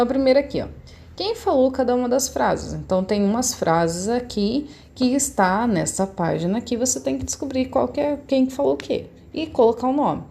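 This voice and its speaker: A woman's voice: fairly high pitch, creaky, mellow. A woman teacher from Brazil, patiently explaining a remote lesson step by step to young pupils. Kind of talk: recorded remote class lesson.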